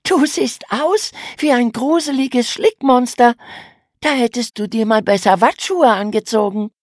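A woman voicing a lively young girl who cares about the sea, talking in a high, eager voice. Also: unhurried, no echo, clean studio sound. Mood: excited. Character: young girl, lively eco-minded sister.

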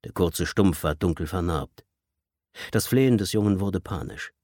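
A man narrating a tense audiobook with expressive storytelling. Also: low voice, moderate pace, dry recording, clean studio sound. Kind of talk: audiobook reading.

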